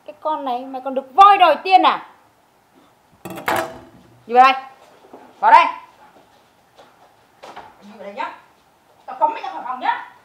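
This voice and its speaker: A harsh, sharp-tongued grandmother, high and quick. Her voice sits in a roomy space, heard from a little way off the mic. Music plays behind her in this drama series. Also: big pitch swings, recorded from a distance, lo-fi sound, slight background noise. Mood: scolding. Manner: sharp, scolding, bossy. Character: harsh scolding grandmother, older woman.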